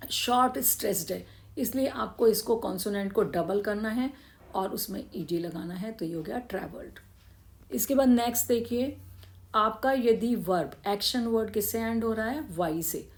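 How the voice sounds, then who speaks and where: A woman's voice: medium pitch, darkish tone. Indian woman teaching English grammar. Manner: explains step by step, asks and answers her own questions. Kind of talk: classroom grammar lesson.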